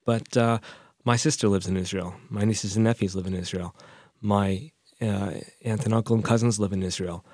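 Deliberate, fairly low-voiced man. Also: steady tone, a little mellow, no room sound, clean studio sound. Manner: deliberate, emphatic repetition. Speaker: rabbi, interview guest. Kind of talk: unscripted discussion.

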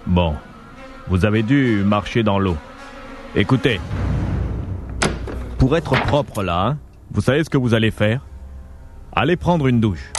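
A man's voice: lowish voice, animated, unhurried, long pauses, darkish tone, faint music behind. Man playing a stammering, pushy rich man. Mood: bossy. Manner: stammering, bossy, laughs at his own words. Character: rich, pushy, boastful man in his home. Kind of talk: radio drama acting.

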